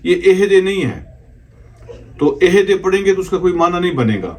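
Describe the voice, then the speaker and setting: A man teaching prayer recitation in speech, patiently repeating each Arabic phrase slowly. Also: medium pitch. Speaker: Islamic teacher. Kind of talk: religious lesson on prayer recitation.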